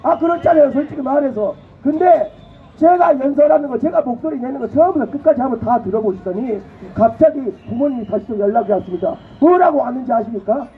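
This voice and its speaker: Fiery high-voiced Jeolla man rallying a crowd. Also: lively intonation, fast talker. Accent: Jeolla dialect. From Jeolla, South Korea. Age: young adult. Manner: fiery, keeps prodding the crowd with rhetorical questions and bursts of shouting. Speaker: rally speaker. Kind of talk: impassioned political rally speech. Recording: tinny phone-like audio with faint noise.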